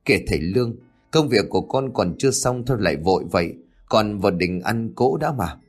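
Brief: old village woman, bossy and harsh, voiced by a man, lively swings, ghost story. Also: lowish voice, a little fast, faint music behind. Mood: pleading. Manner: harsh, scolding shouts.

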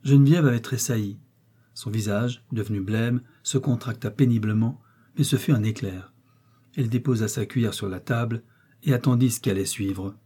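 A man reading a classic novel aloud as an audiobook narrator, in a measured, even storytelling manner. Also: fairly low pitch, breathy edge. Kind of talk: scripted literary narration.

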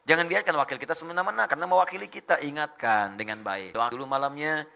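A male preacher, giving an animated sermon and mimicking phrases from foreign languages. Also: fairly high pitch, fast talker, gravelly.

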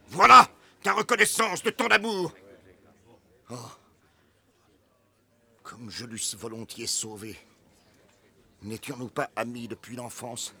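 An actor playing a grieving elder who rebukes the crowd, shifting between bitter hushed lines and shouted accusations in a classic stage drama. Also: male voice, mid-range voice. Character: grieving elder, friend of the slain brother.

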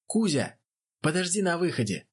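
A man voicing a big, easygoing young male boxer who talks in a loud, bluff way, in an audiobook. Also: mid-range voice, animated, normal speed, slightly rough. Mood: shouting.

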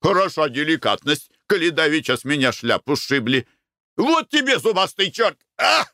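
A man doing a rowdy, shouting old-time merchant. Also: fairly high pitch, big pitch swings, normal speed, dry recording, clean studio sound, voice pushed up, full character voice. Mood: gleeful scheming. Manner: shouting, boisterous, cursing. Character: rowdy coarse middle-aged male merchant.

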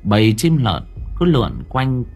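A man reading a horror story aloud as an audiobook narrator, in expressive storytelling style. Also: medium pitch, measured pace, slightly rough, soft background music.

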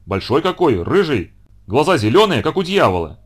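A man voicing an excited, nosy neighbor woman who shouts and exclaims in a high voice. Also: normal speed, breathy edge. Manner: shrill, exclaiming.

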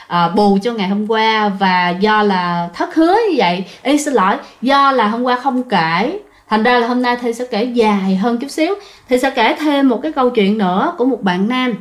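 A woman with a Southern Vietnamese accent telling ghost stories in a chatty way, often turning to her listeners. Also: fairly high pitch. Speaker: storyteller. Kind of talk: casual ghost-story telling.

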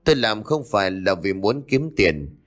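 Old village sorcerer, voiced by a man, calm. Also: lowish voice. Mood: calm grave. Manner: calm, measured advice. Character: old male sorcerer-healer, calm and selfless.

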